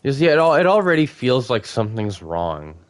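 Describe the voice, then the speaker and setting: A man's voice: medium pitch, big pitch swings, a little fast. A man giving casual, rambling gameplay commentary as a let's play host, full of fillers and easy laughs.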